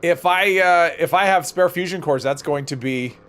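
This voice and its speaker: The livestream host has a fairly high, fairly bright voice and keeps a moderate pace. Playing along, he thinks aloud in a relaxed way and wanders into conversational asides.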